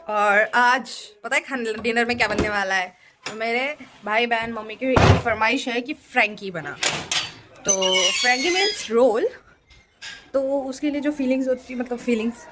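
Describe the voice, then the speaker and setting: A woman's voice: fairly high pitch, a bit bright, a little hiss or hum. A woman vlogging her day in casual chat, talking straight to her viewers and getting emphatic when she rants. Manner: chatty, talks straight to viewers; heated and emphatic when ranting. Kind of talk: casual daily vlog chat.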